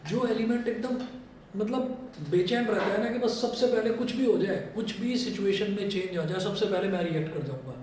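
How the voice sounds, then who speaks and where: A man's voice: high voice, moderate pace, a little mellow, slight background noise. A man teaching a recorded chemistry lesson to a class, explaining with everyday stories and playful asides. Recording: echoey room heard from a distance.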